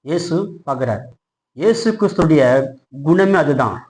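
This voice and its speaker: A man preaching a passionate sermon, putting questions to his congregation and building to loud, high-pitched peaks. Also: sing-song, unhurried, low-quality recording. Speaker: pastor.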